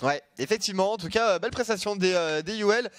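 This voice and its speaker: A man's voice: sits high, quick pace, no echo. A man doing live esports commentary as a caster, speaking emphatically and often repeating phrases for effect. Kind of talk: live esports commentary, excited play-by-play and analysis. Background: music under the voice.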